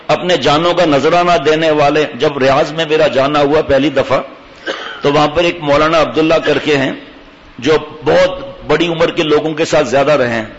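A man, giving a sermon and putting rhetorical questions to the congregation, with pious phrases throughout. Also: fairly high pitch. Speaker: preacher. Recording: dull, long-reverb hall recording.

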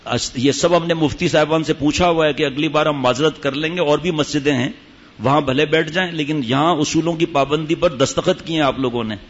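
Stern preacher man, lo-fi sound. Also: a little high. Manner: stern, scolding, rhetorical questions. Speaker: religious teacher at a mosque retreat. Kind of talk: sermon address to a gathering.

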